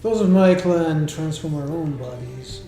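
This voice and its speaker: An unruffled, worldly vampire shapeshifter, played by a man at a game table, with formal, measured speech. The male voice sits a little high, in an echoey room with music clearly behind. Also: natural voice. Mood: calm, cautionary. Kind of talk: improvised tabletop role-play.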